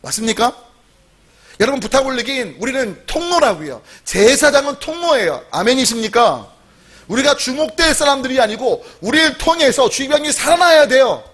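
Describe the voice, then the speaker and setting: Male pastor, sermon, high voice, very lively pitch swings. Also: normal speed. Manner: animated, asks the congregation questions.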